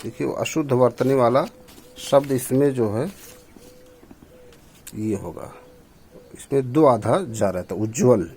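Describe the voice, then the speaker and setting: Male teacher, mid-pitched, patient step-by-step explainer for exam prep. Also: unhurried, long pauses, darkish tone, slight background noise. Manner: explains step by step, checks answers aloud.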